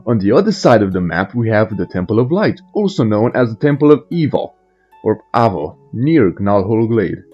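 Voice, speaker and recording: A man's voice: fairly low pitch, sing-song, moderate pace, a little mellow, husky. A man delivering scripted video game lore narration as a storyteller, with irreverent joking asides. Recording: muffled voice over faint music.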